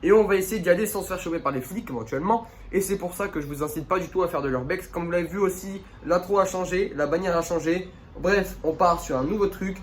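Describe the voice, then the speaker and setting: A young-sounding, slightly high-voiced man races through a chummy, slangy vlog intro. His voice is giving out from a chest infection, and there is some noise behind him. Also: fast, hardly any pauses. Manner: slangy, chummy address to viewers. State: voice giving out from start of bronchitis, coughing. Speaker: YouTube host introducing a video. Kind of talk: casual vlog intro to viewers.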